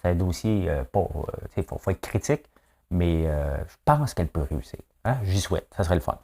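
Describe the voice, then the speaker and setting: A man's voice: deep voice, animated, a little fast, warm tone. A man with a Québécois accent giving casual morning news commentary, chatty and full of asides and tag questions.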